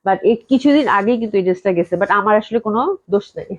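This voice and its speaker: A woman from Bangladesh hosting a live clothing sale. She chats nonstop, repeats the price again and again and drops English phrases into her pitch. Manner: talks slowly on purpose to hold back a cough. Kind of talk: fast live-stream sales pitch. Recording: dull lo-fi live-stream audio.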